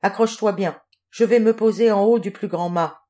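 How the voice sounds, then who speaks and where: A woman's voice: medium pitch, moderate pace, mellow, close to an everyday voice. A woman voicing a grumbling, kindly male pelican in a children's audiobook. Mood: reassuring. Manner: grumbling, reassuring. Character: grumbling male pelican, a patient helpful friend.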